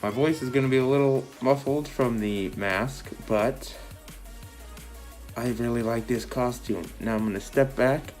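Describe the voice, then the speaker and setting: A vlogger shows off his costume in a casual show-and-tell, his voice muffled by a full-face mask. He rambles loosely, uses lots of fillers, and sounds short of breath. His mid-range voice is a little slow and darkish, with soft music playing behind him.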